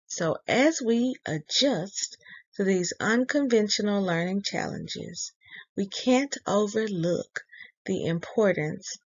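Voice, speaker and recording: Woman, school staff announcer, scripted morning announcements, slow measured delivery, muffled lo-fi audio. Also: mid-range voice.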